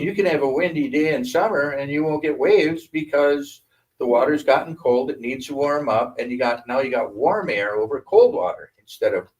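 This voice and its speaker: Older man telling stories from afar. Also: medium pitch. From Wisconsin. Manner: animated storyteller acting out quoted voices. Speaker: guest speaker. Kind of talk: storytelling talk. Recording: voice from a distance.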